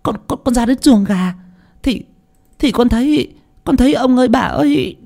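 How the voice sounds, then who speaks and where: A man's voice: extremely high pitch, animated, normal speed, creaky, dark tone, voice pushed up, exaggerated voice. A man voicing a panicked young female kitchen maid who stammers in breathless alarm. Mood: frightened.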